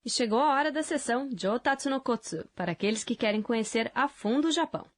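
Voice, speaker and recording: A woman's voice: a little high, expressive, fast talker. Woman co-hosting a language lesson. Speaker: lesson co-host. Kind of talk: scripted lesson narration.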